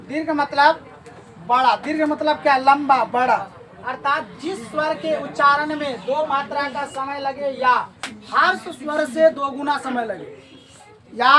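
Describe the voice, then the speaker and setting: A woman teaching Hindi grammar in a classroom lecture, quizzing her students and repeating each answer back to them. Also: high voice. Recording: distant mic, class of students audible.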